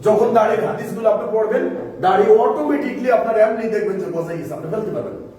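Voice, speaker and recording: High-voiced Quran teacher in an echoey room. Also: male voice, lively intonation, racing, darkish tone, recorded from a distance. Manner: explains step by step, asks the class questions. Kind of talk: classroom Quran lesson. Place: mosque-side classroom. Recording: echoey room recorded from afar.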